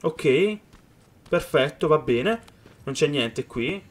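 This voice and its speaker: A man giving excited let's-play commentary on a video game, reading the game's dialogue aloud and talking straight to his viewers. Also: fairly high pitch, slow. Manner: excited, calls viewers "raga" often. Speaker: gaming youtuber.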